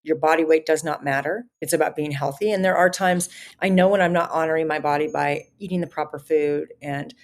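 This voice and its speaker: This podcast guest, a woman in her fifties, has a low voice with fairly even intonation and speaks a little fast, barely pausing. Her casual interview talk flows earnestly in long, run-on thoughts.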